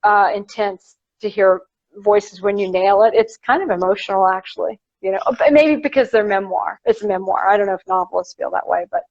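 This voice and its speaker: A woman's voice: mid-range voice, fairly quick, a little mellow. A woman author hosting a live-stream interview, asking questions and chiming in with short affirmations. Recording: dull lo-fi live-stream audio.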